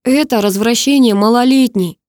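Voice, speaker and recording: In a novel reading, a woman voices a furious, protective father who bursts out indignantly. Her high, slightly fast voice has a darkish tone and sits above her natural pitch while staying close to everyday speech. The studio recording is clean, with no room sound.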